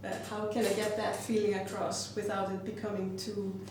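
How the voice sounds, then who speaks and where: Lady in her 50s talking about her art, pretty flat voice, far from the mic, lots of echo and hiss. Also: medium pitch, moderate pace. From Iceland. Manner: reflective, stops often to search for words. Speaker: glass artist presenting her work. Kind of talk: recorded artist presentation. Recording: very roomy, distant mic, noisy background.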